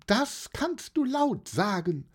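A narrator voicing a cheerful, excitable elderly aunt who chatters with little "äh" fillers, in a storybook reading. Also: slow, slightly rough, full character voice. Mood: bubbly. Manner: bubbly, high and excited, with hesitant "äh" fillers. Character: cheerful elderly aunt hosting a birthday party.

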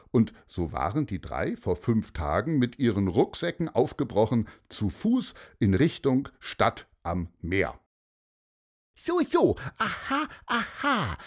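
Slow, expressive children's story narrator, a man. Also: lowish voice. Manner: expressive, playful storytelling with asides.

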